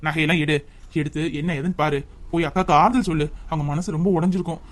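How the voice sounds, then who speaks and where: A man playing an earnest young husband in a home drama, talking fast in a high voice, urging and advising with steady concern. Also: lightly acted. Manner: urgent, advising. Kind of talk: family drama skit.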